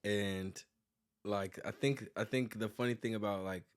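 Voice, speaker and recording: An American graphic designer and business owner in his thirties, born in New York and raised in Virginia, is a guest in a casual interview. His lowish voice is clear and resonant, his tone steady and unhurried, as he rambles with lots of "like" and self-corrections.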